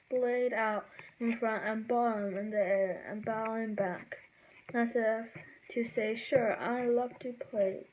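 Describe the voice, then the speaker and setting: A woman reading a children's book aloud, slowly and haltingly, sometimes stumbling over words and correcting herself. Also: fairly high pitch, darkish tone, a little hiss or hum, poor audio. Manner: slow, halting read-aloud with self-corrections. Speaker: reader.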